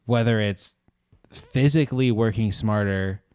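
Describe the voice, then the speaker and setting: A man's voice: fairly low pitch, a little slow, darkish tone, clear, resonant tone, dry recording, studio quality. A young man co-hosting a podcast, chatting casually with slang and lots of "like" and "dude". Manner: casual slangy banter, says dude and like a lot. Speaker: podcast co-host. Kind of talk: casual chat.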